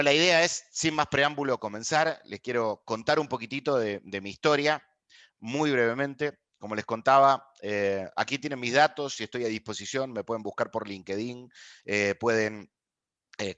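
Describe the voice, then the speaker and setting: Over a video call, a guest speaker from Argentina, with an Argentine accent, leads an online masterclass in a courteous, measured way, frequently pausing on fillers. His mid-range voice sounds bright and forceful, with no room sound.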